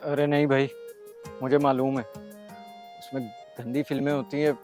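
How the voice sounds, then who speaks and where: A man's voice: mid-range voice, little pitch movement, normal speed, darkish tone, faint music behind, natural voice. An actor playing a shy young man who is desperate to get married, earnest and complaining. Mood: fretful. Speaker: lead character Shehzad.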